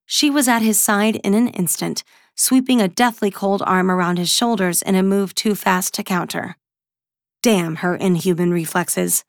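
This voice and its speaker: A woman reading a novel aloud in an even, measured narration. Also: medium pitch, dry recording, studio quality. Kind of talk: audiobook narration.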